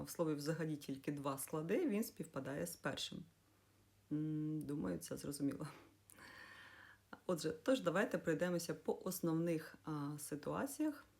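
A woman's voice: deep voice, gravelly, a little mellow. A young woman explaining a language lesson in a casual online video, going step by step with frequent hesitation sounds and stressing her example words. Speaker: language teacher.

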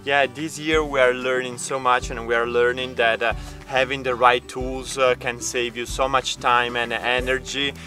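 A native Italian speaker in his thirties, a vlogger and homesteader, talks casually to camera outdoors in an olive grove, using many hesitant fillers. His mid-range voice is level and moderately paced with few pauses, sounding pushed and bright. Soft music plays in the background.

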